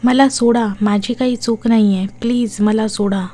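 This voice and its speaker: A woman's voice: fairly high pitch, steady tone, moderate pace, warm tone, lightly acted. A woman voicing a frightened young woman who pleads her innocence in a horror audiobook. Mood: pleading.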